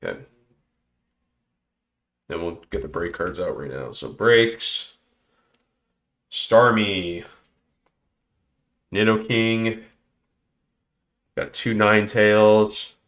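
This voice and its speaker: A man's voice: fairly low pitch, extremely slow, long pauses, a bit bright. A man hosting a casual livestream, chatting and muttering to himself with little exclamations as he sorts through items. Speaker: host. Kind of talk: casual livestream chat while sorting cards.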